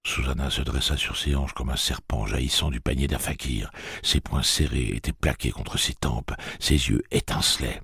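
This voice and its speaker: Very deep, gravelly male audiobook narrator. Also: normal speed, dry recording, studio quality. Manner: expressive storytelling reading.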